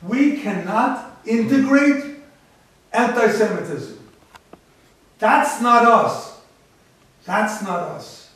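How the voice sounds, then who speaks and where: A man's voice: high-pitched, expressive, drawn-out words, pauses often, fairly bright tone, slight background noise. A man from the United States, a rabbi giving a public lecture with emphatic rhetorical questions. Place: large echoey library hall. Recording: echoey hall from far off.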